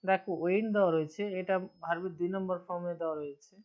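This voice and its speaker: A woman's voice: fairly low pitch, fairly even intonation, very fast. A woman with a Bengali accent teaching English grammar in an online lesson, asking her students questions and answering them herself. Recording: dull lo-fi recording.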